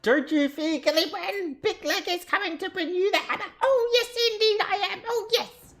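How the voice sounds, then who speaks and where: A dying old dwarf warrior, delirious and desperate. He cries out in a high, throat-straining voice that sits far above his own and sounds pushed back from the mic. It comes from a storybook-style adventure reading. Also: normal speed, soft background music. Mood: delirious shouting. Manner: frantic, pleading, high strained shouting.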